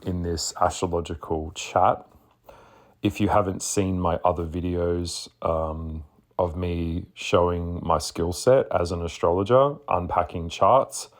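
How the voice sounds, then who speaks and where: A man with a deep, husky, just-woken voice, chatting casually as a podcast host in a sassy, blunt way. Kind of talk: casual spoken monologue.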